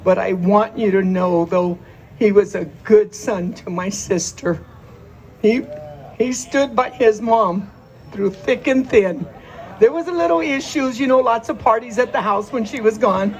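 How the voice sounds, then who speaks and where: Speaking at a memorial gathering as the deceased's aunt, a woman is heartfelt and emotional, sometimes near tears and sometimes laughing. Her mid-range voice is unhurried, and the recording quality is low.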